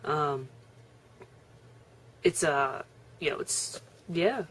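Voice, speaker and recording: A woman's voice: low voice, very slow, a little hiss or hum. A young woman chatting casually on her video blog, laughing often and chewing as she talks. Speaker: vlogger. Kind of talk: casual vlog chat.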